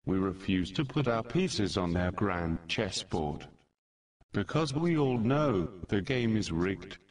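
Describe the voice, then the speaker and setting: A man from Canada with a disguised, lowered deep voice, reading out a political statement in a measured, declaiming way with deliberate pauses. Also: distant mic. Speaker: anonymous speaker of a political message.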